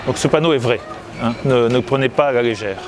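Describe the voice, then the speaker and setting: A man, a comic book artist, chats casually while strolling outdoors, pausing often with fillers and restarts. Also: mid-range voice, over loud music. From Italy and Grenoble, France. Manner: hesitant, many fillers and restarts. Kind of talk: casual walking chat to camera. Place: outdoors, seaside town streets and ramparts.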